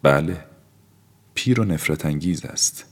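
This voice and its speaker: An urgent young man, played by a male narrator in an audiobook, pushing hard with raised, insistent questions. The voice stays deep overall. A long, hall-like reverb hangs behind it. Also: animated.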